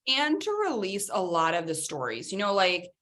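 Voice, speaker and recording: A woman co-hosting a podcast in casual chat, talking in an animated, chatty way with lots of fillers. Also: medium pitch, normal speed. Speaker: podcast co-host.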